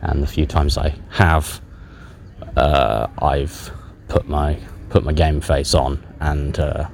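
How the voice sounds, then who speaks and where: A man speaking haltingly and candidly in a low-spirited, self-deprecating way, making a casual confessional audio diary on a handheld voice recorder outdoors. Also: steady tone, gravelly, a little mellow. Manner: hesitant, halting, candid with frequent long pauses. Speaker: podcast host. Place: outdoors in a public park while out walking. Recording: handheld dictaphone recording outdoors, background noise. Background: outdoor park ambience.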